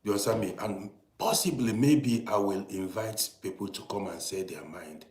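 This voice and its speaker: A man from Africa who lives in Europe hosts a casual livestream, chatting, greeting viewers by name, and repeating himself as he goes. His voice is on the low side and a little mellow, at a normal speed, in an echoey room.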